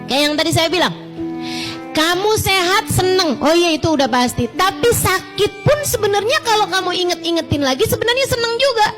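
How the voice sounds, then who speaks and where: A woman's voice: very high voice, expressive, a little fast, over music. A woman preacher giving a conversational sermon, talking straight to her listeners and asking them rhetorical questions. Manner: chatty, addresses listeners directly, asks rhetorical questions.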